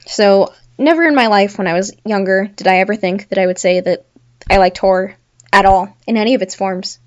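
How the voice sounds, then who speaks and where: A woman's voice: medium pitch, fairly quick, muffled recording. A young woman hosting a casual solo talk show, chatting and laughing at her own examples. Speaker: podcast host.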